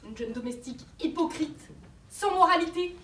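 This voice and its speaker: An actress playing a self-righteous, unforgiving religious zealot in a stage play, declaiming in a preachy, theatrical, hammy manner. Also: female voice, sits high, lively intonation, moderate pace, bright, forceful tone. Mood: righteous indignation. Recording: echoey stage, distant mic, faint noise.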